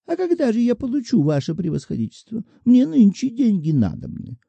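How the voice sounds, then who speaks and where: A man voicing a shrill, wheedling old woman petitioner in a high falsetto. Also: huge pitch swings, brisk, vocal fry, mellow, breathy edge, dry recording, muffled recording, full character voice. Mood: pleading.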